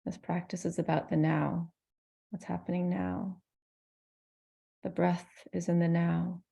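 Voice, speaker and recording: A woman guiding a meditation talks a little slowly, her pitch barely moving. She's a meditation teacher with a soft-edged, mellow, slightly low voice full of creak, and she leaves gentle, soothing gaps between phrases.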